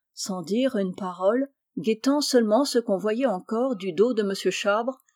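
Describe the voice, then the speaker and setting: A woman reading a literary story aloud in an even, measured way. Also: medium pitch. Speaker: audiobook reader.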